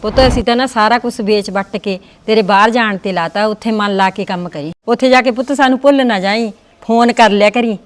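A woman playing a worried Punjabi mother who gently advises her son leaving for work abroad, with faint music under the dialogue. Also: medium pitch, brisk, few pauses, natural voice. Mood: pleading.

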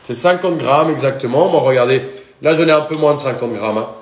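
A man's voice: mid-range voice, a little fast, roomy sound. A young man with a Colombian accent, a chef chatting and joking with viewers during a live cooking demonstration.

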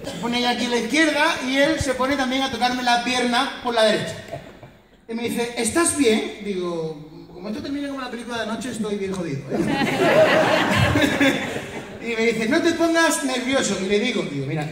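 A man from Spain with a Murcian accent, telling a comic story to an audience in an animated, jokey way and acting out the dialogue. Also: very high-pitched, normal speed, far from the mic, crowd noise. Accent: Murcian Spanish. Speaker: comedian. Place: hospital lecture hall. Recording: echoey hall, mic from afar, audience laughter.

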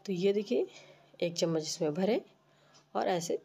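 Female cooking host, lowish pitch, congested and slightly rough from a cold, instructing informally. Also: a little slow, dark tone. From Uttar Pradesh, India. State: stuffy nose and rough voice from a cold. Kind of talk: recipe tutorial narration.

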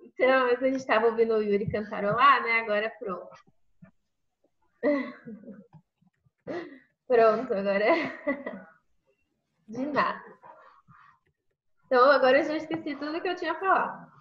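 A woman with a Brazilian Portuguese accent teaches an English class online, patiently explaining step by step and checking in with tag questions. Her voice is a little high and a little slow, with frequent pauses. The computer-mic video call audio is echoey and muffled.

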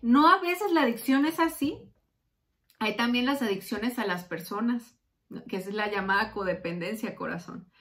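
A woman gives a tarot reading in a fairly high voice. She talks warmly and casually, calls the listener "corazón", and acts out quotes with sudden leaps in pitch. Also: normal speed. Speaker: tarot reader.

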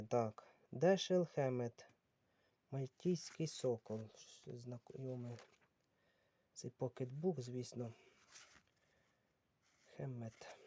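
A man sorting old books on camera, unhurried and musing as he reads titles aloud. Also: mid-range voice, mellow, a little hiss or hum. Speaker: book collector vlogger. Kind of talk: casual talk while sorting books.

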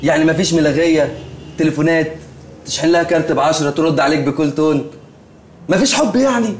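An actor plays a scheming young Egyptian friend in a TV sitcom. He talks extremely fast in a slightly high voice. His tone is glib and teasing throughout. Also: natural voice. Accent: Egyptian Arabic. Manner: teasing, glib, quick-talking.

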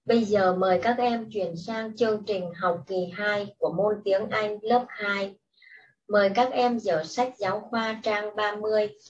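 A woman teacher giving patient, step-by-step instructions in a slow classroom style. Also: mid-range voice, steady tone. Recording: distant, muffled mic with faint hiss.

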